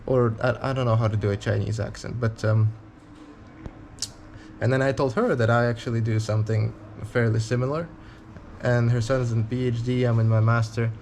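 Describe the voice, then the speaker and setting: A young man in his twenties talks to camera in a casual travel vlog, his voice sitting at an ordinary middle pitch. He rambles candidly and speaks his mind bluntly. A faint ambient hiss runs underneath. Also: steady tone, normal speed, a little mellow. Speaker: touring cyclist vlogger.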